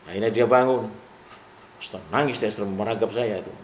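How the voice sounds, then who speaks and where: An older man telling a story in casual spoken style, animated and rising to loud bursts at tense moments, with a gravelly voice. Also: lowish voice, fast talker, a little hiss or hum. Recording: roomy room with clear background ambience.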